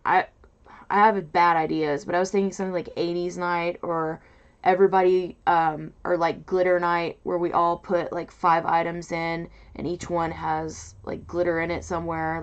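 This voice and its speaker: Loud nasal woman rambling on a stream. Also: fairly low pitch, lo-fi sound. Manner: rambling, hesitant, full of fillers. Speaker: livestream host. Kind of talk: casual livestream chat. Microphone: mic set off to the side, away from camera.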